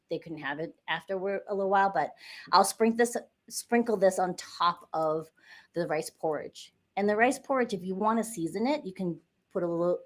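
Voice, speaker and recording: A middle-aged woman from the United States, a podcast guest chatting casually and explaining things step by step with a few fillers. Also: fairly low pitch. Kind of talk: casual interview chat.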